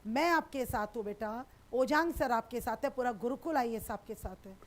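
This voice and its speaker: A woman teaching sociology, chatting with students in a live online class and reassuring them warmly. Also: fairly high pitch, normal speed. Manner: affectionate, reassuring, calls students beta.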